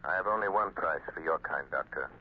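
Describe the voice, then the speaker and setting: An actor playing The Shadow, a calm, mocking invisible crime-fighter, in a vintage radio drama. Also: male voice. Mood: cool. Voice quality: cool, measured, low and unhurried. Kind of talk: 1930s radio drama acting. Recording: tinny old radio recording, hiss.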